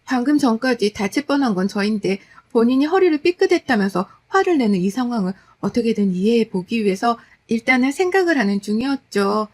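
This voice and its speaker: A woman telling her own story as a daughter-in-law, in steady, conversational scripted narration with wry exasperation. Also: fairly high pitch, brisk, few pauses.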